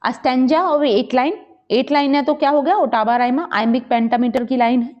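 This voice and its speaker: A woman teacher running a quiz lesson, reading questions slowly and explaining quickly. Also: high-pitched, highs cut off. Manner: reads questions slowly, explains quickly in Hindi-English mix. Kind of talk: exam-prep quiz lesson.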